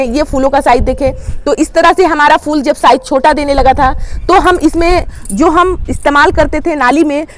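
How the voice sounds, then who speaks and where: Woman, high voice, plain instructional host explaining garden care to viewers. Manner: plain step-by-step explaining, addresses viewers as friends. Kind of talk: instructional how-to talk.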